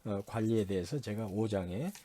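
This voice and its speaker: A man's voice: lowish voice, normal speed, mellow. A male university lecturer reviewing course material, repeating and spelling out key terms and answering his own questions. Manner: repetitive, drills key terms, spells them out; mixes English terms into explanations.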